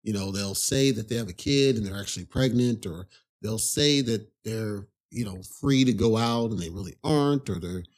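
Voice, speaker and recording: A man's voice: on the low side, normal speed, darkish tone. A man hosting a podcast, telling a personal story in a casual, rambling monologue full of "you know" asides. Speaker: podcast host.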